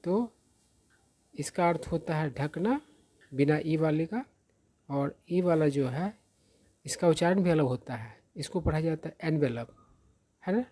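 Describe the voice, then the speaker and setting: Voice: medium pitch, expressive, unhurried, long pauses, mellow. A teacher giving a patient vocabulary lesson, explaining each word's meaning and often checking in with the class. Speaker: English teacher.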